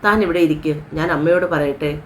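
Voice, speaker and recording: A woman voicing a caring young husband who gently reassures his new wife in a story. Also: deep voice, fairly even intonation, fast talker, a little hiss or hum, close to an everyday voice. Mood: gentle.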